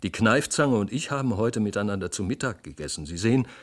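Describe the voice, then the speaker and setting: A man voicing a loud, hot-tempered older male office clerk who bellows and itches for a fight. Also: on the low side, expressive, fast talker. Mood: boisterous. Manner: bellowing, pugnacious.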